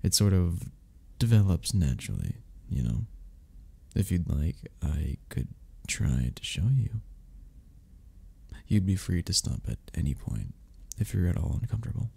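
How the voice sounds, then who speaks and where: This man's gravelly, husky voice sits low, with a sing-song lilt and a slightly slow pace, in a heavily acted ASMR romance roleplay. He portrays a flirty cuddle club member who is gentle, patient, considerate and reassuring, speaking softly.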